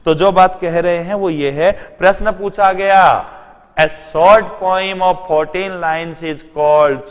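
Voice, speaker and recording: Male teacher, exam-prep lecture, quizzes himself aloud, long reverb, muffled lo-fi sound. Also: on the high side. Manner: rhetorical questions answered himself; mixes in English terms and sentences.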